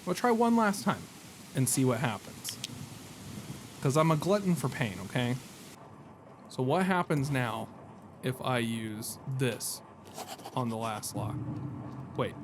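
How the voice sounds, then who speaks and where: A man with a mid-range voice speaks slowly, leaving long pauses and swinging his pitch widely. As a video game streamer, he offers rambling, casual let's-play commentary laced with self-deprecating humor, with game music and background noise behind him.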